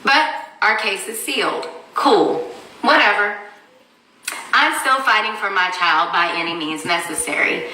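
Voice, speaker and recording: Angry woman in her 30s ranting on a live stream, swears a lot, really bright sharp voice, kinda far off the phone in an echoey room. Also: medium pitch, measured pace. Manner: angry, blunt, profane. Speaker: mother telling her story. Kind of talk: livestream rant.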